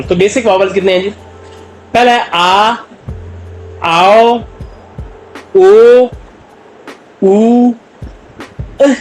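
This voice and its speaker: High-voiced man teaching Korean vowels. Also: slight background noise, low-quality recording. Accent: Pakistani Urdu. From Pakistan. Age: middle-aged. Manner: explains slowly, with many fillers and repeated questions to students; draws out demonstration sounds. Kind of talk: recorded language lecture.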